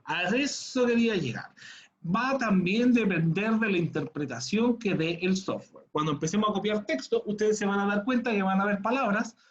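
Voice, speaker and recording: Man, teacher, high voice, patient step-by-step explaining, muffled lo-fi audio. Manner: patient, explanatory, frequent "¿ya?" check-ins. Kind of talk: online class instruction.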